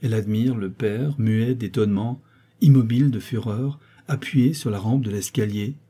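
Male narrator, audiobook, measured expressive reading, very dark tone, husky voice. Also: lowish voice.

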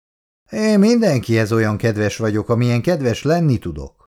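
A man reading a story aloud and voicing a drunk, bullying middle-aged father who shouts gruffly and slurs his slow words. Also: medium pitch, big pitch swings, close to an everyday voice. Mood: shouting.

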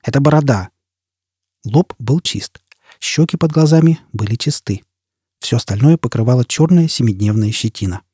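A man reading a novel aloud as audiobook narrator in a measured, dramatic way. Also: mid-range voice, animated, dark tone, husky, no room sound, studio quality. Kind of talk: scripted narration.

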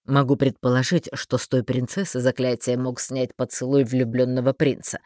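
Woman narrator plays unflappable sardonic man, deep put-on register, dry studio read. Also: fairly even intonation, normal speed, warm tone, no echo. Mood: musing. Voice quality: low, dry, mocking. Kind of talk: audiobook character voicing.

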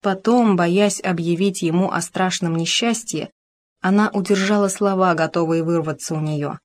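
A woman with a lowish voice narrates an audiobook from a script, delivering the story in a measured, even way.

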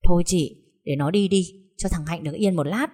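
A woman doing a calm, caring younger sister. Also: on the low side, a little fast, husky. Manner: soothing, gentle.

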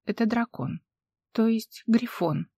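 A woman's voice: a little high, slow, warm tone, slightly rough, no room sound, heavily acted. Woman reading an overwrought young woman. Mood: agitated. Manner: agitated, pleading, close to tears.

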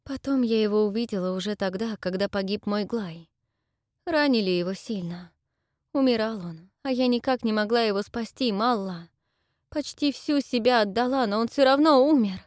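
A woman voicing a timid, tearful young widow who once acted on stage, speaking softly and pleadingly. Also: on the high side, normal speed, no echo, studio quality, pitched above the performer's own voice, lightly acted. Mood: grieving. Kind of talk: audiobook character voice.

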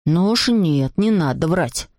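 A woman's voice: lowish voice, lively intonation, unhurried, a little mellow, no room sound, clean studio sound, voice pushed down. A woman reading aloud voices a skeptical know-it-all schoolboy who explains things matter-of-factly. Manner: lecturing, matter-of-fact.

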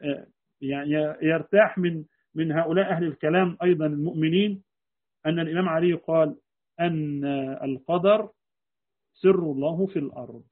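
A man with an Egyptian Arabic accent gives a creed lesson in a high voice at a rapid clip. He explains by posing rhetorical questions and answering them himself. The recording is tinny and phone-like. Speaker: religious teacher.

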